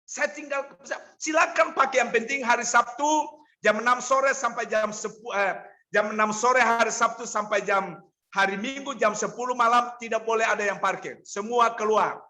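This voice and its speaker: Bright high-voiced preacher telling a story. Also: male voice, moderate pace. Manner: storytelling preacher, acts out quoted dialogue. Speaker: pastor. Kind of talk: sermon.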